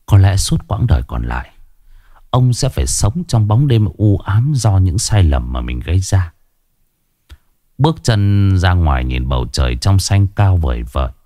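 A man narrating a dramatic story in an expressive, scripted way. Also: deep voice, normal speed, no room sound, clean studio sound. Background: faint music.

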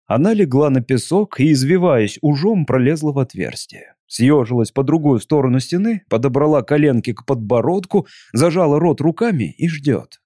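A man narrating a storybook in an even, measured way. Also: fairly high pitch, no room sound, clean studio sound. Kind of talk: audiobook reading.

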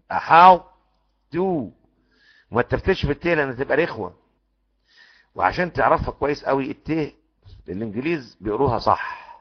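A man's voice: medium pitch, husky. A man with an Egyptian Arabic accent teaching Quran recitation rules in a lecture, drilling the sounds aloud and asking his students questions. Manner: animated, demonstrates sounds repeatedly, asks the class questions. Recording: muffled lo-fi recording.

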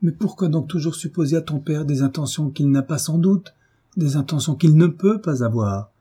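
A man's voice: on the high side, normal speed, warm tone, husky, voice pushed up. A man voicing an anxious, pleading young mother. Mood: tender pleading. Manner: pleading, alarmed.

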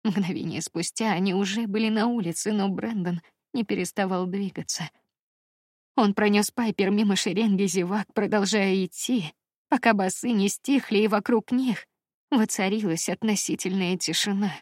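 A woman narrating a romance audiobook in a soft, intimate storytelling manner. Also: mid-range voice, normal speed, no room sound, studio quality.

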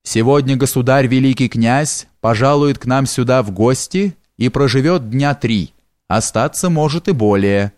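A man's voice: medium pitch, moderate pace, darkish tone, no echo, studio quality, lightly acted. A man voicing a sly, fawning male steward in an audiobook, with a coaxing, wheedling way of talking.

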